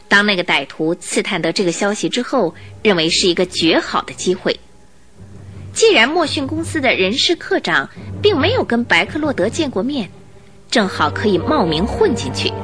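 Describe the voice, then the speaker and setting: A woman's medium-pitched, slightly bright voice narrates a scripted radio drama with faint music underneath. She builds suspense as she tells the story, asking questions with plenty of expression.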